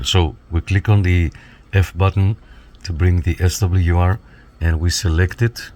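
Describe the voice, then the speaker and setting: A man with a low-pitched, slightly mellow voice reviews a piece of equipment on radio. He casually explains it step by step in an instructional, hands-on walkthrough.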